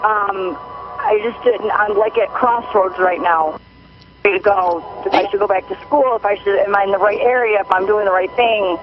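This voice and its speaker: A woman's voice: medium pitch, normal speed. A woman from the United States calling in on a bad phone connection that keeps cutting out, talking in a hesitant, unsure way. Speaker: caller. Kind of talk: phone-in chat with a reader. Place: outdoors. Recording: muffled noisy phone line.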